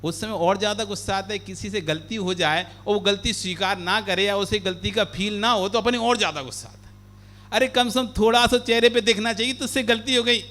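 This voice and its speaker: A man, a monk, giving a sermon and telling a story in a playful, animated way, acting out the characters. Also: sits high, fairly quick. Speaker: Jain monk preaching.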